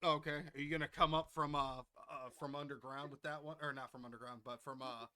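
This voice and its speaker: A young man narrating as game master, excitable and loud at big rolls. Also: mid-range voice, fairly quick.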